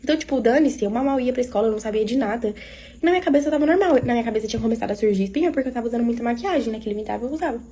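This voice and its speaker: A woman's voice: a little high, racing, dark tone, husky. A woman with a Minas Gerais accent telling her own story to her audience in a casual, confiding way and often speaking to the listeners directly. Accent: Minas Gerais Portuguese.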